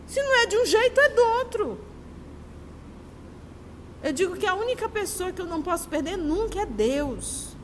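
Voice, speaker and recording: A woman leads a spiritist study group, teaching emphatically with lively personal anecdotes. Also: very high voice, moderate pace, pauses often, long reverb tail, slight background noise. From Manaus, Brazil. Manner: animated, emphatic, storytelling.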